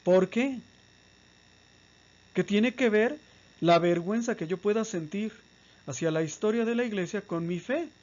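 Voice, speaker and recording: High-voiced man lecturing with rhetorical questions. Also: unhurried, pauses often, darkish tone, muffled recording. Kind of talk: apologetics lecture.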